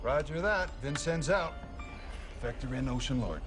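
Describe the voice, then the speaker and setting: An actor playing a commanding US warship captain, giving clipped naval officer orders in a documentary re-enactment. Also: male voice, medium pitch, animated, normal speed, lightly acted. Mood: urgent, commanding. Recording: loud music under dialogue.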